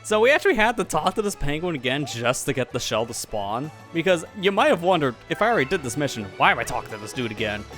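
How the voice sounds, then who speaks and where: A man's voice: fairly high pitch, very animated, fast, few pauses, fairly bright tone, soft background music. A man giving casual let's play commentary, explaining game details with a joking manner.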